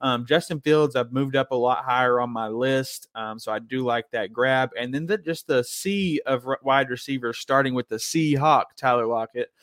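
An easygoing man talks through his views as a co-host, measured and full of small ums and pauses. His voice is in a middle register, recorded dry and close to the mic. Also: medium pitch, a bit bright, no room sound. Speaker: fantasy football co-host. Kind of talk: casual live-stream chat.

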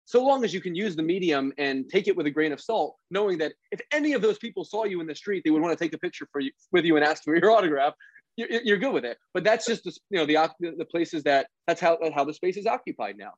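Man, fairly high voice, from Philadelphia, earnest explainer, dull muffled audio. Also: no echo. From Philadelphia, USA. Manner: earnest, explanatory, quick self-corrections. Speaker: sports researcher, guest. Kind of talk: casual interview chat.

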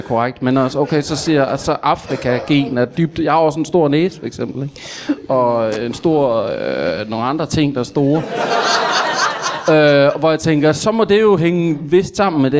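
A man's voice: medium pitch, natural voice. A man playing a boastful man who rambles through tall tales in an improvised comedy interview, stammering and correcting himself with many fillers. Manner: stammering, halting, with frequent fillers and self-corrections.

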